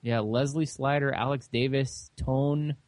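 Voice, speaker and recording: A young man co-hosting a casual podcast chat, talking in a halting way with lots of fillers and restarts. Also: mid-range voice, fairly even intonation, a little mellow, no echo. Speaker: podcast co-host.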